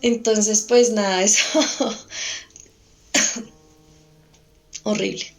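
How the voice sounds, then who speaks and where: A young woman speaks as a guest on an interview podcast. She recounts her story haltingly, trailing off and restarting her sentences as she goes. Her voice sits at an ordinary middle pitch. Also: fairly even intonation, faint music behind. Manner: hesitant, halting, with frequent restarts.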